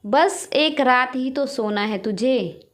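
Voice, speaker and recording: A woman voicing a calm, patient elderly mother in a storybook tale, soft-spoken. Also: sits high, takes it slowly.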